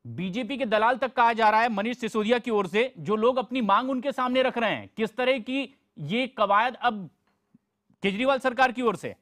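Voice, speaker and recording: A man with a high-pitched voice anchors a live TV news broadcast. He introduces guests and asks pointed questions in a brisk, formal tone. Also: fairly bright tone.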